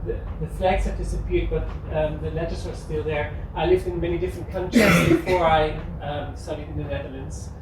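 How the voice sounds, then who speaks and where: A woman's voice: deep voice, steady tone, fairly quick, hardly any pauses. A woman from Switzerland giving a live presentation, earnest and personal, with a few restarts. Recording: echoey room, distant mic, noise.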